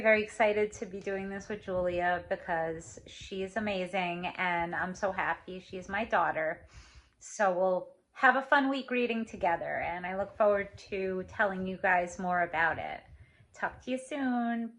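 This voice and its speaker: A woman's voice: mid-range voice, a little slow, a bit bright. Middle-aged woman, mid-range voice, chatty video-diary delivery, faint background hiss. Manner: chatty, thinking aloud. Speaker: vlogger's mother.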